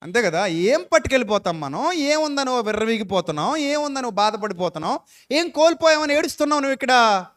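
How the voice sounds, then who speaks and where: High-voiced man preaching a folksy sermon. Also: very animated, brisk, a bit bright. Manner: folksy, questioning the listeners directly, acting out quoted people. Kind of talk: sermon with closing prayer.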